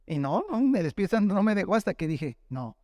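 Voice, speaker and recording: A man's voice: high-pitched, very animated, a little fast, darkish tone, no echo, clean studio sound. A man with a Mexican accent, a pastor preaching a sermon through a personal testimony, talking in a conversational storytelling way and often addressing listeners as brother. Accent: Mexican Spanish.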